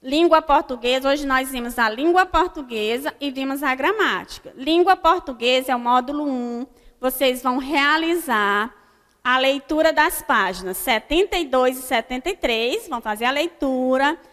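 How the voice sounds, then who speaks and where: High and bright, a Brazilian woman's voice carries and trails through an echoing hall as she teaches grammar to young pupils. The primary school teacher's recorded online lesson involves slow, word-by-word dictation of examples and frequent "né?" check-ins with the class.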